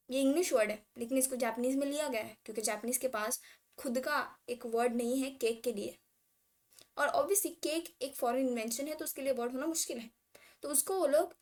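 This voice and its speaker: A woman from India teaching a casual language lesson, mixing English words into her talk and reading syllable charts aloud slowly. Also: high voice.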